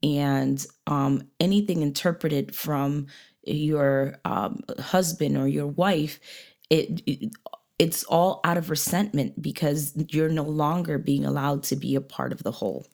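A woman of forty-eight co-hosting a podcast about couples, with a somewhat low voice. She chats casually and laughs easily, and she backs her partner up with quick murmurs of agreement. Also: creaky, darkish tone. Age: 40s. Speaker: podcast co-host. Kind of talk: casual chat.

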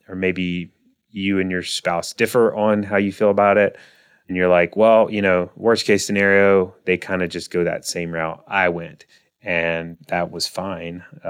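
This low-pitched, clean-toned voice belongs to a thirty-something man hosting a solo finance podcast. He keeps things loose and relaxed, with plenty of fillers and false starts.

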